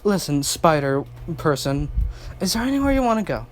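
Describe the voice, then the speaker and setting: A man's voice: fairly high pitch, big pitch swings, moderate pace. A man voicing a fierce young female cat demon who snarls and swears. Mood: brash.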